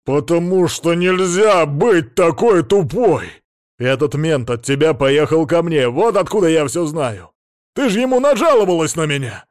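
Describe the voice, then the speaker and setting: Brief: man playing a short-tempered middle-aged husband, bullying, loud, heavy sarcasm. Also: mid-range voice, normal speed, dry recording, clean studio sound, natural voice. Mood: furious. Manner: snapping, lecturing, shouting in bursts. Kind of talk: audiobook character voice.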